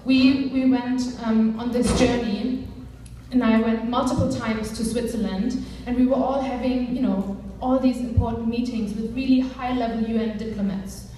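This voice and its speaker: Young woman, earnest speech, mellow voice, fairly high pitch, echoey hall, distant mic. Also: fairly even intonation, normal speed, a little hiss or hum. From Germany. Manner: earnest and conversational, with many fillers. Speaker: campaigns director. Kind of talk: speech to a live audience. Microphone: far from the mic.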